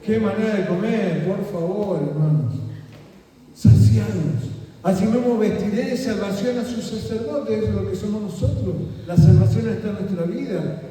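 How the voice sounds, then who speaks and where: A man's voice: high voice, moderate pace, mellow. A man preaching a sermon, asking the congregation rhetorical questions and quoting scripture. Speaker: pastor. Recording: echoey hall from far off.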